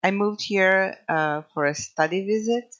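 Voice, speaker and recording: A Croatian woman, a scientist and nature photographer, talks casually as a podcast guest with a Croatian accent. Her medium-pitched, somewhat bright voice moves at a measured pace on a lo-fi recording, and she's hesitant, laughs often, and fills her speech with fillers and restarts.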